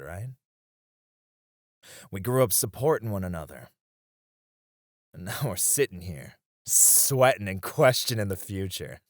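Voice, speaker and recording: A man plays a low-voiced, battle-weary knight in what sounds like a romantic audio roleplay, speaking slowly and intimately. He comes across as tender, wistful and devoted, softly hesitant in his phrasing with small chuckles. The recording is close and dry, with no echo.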